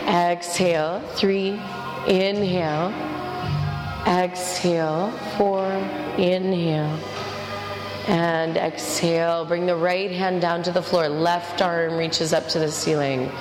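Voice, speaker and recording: A woman's voice: fairly low pitch, steady tone, slow. A woman teaching a yoga class, giving directive step-by-step cues and counting breaths. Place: large echoey indoor studio with a class. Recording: echoey hall with music behind. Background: music.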